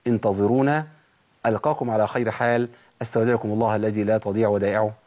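A man with an Egyptian accent teaching Quran recitation, slowly repeating letter sounds to model correct and wrong pronunciation. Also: fairly low pitch, steady tone, a little mellow. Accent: Egyptian Arabic. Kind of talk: tajweed lesson, demonstrating letter sounds.

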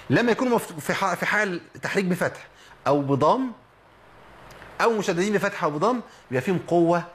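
Egyptian man teaching Quran recitation. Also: a little high. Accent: Egyptian Arabic. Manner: explains patiently, drawing out example words slowly. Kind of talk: tajweed lesson on a program.

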